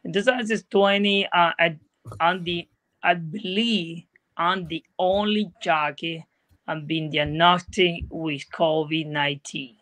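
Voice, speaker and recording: Speaking slowly in a slightly high, steady voice that sounds pushed and bright, this guest jockey joins a video call from indoors via his laptop. He is a middle-aged native Spanish speaker from Venezuela, and his earnest, plain English carries a Venezuelan Spanish accent.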